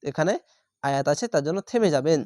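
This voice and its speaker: A man's voice: a little high, expressive, fast talker, warm tone, dry recording, studio quality. A man teaching Quran reading, spelling out each word syllable by syllable, stretching the vowels and repeating them patiently before explaining the rules.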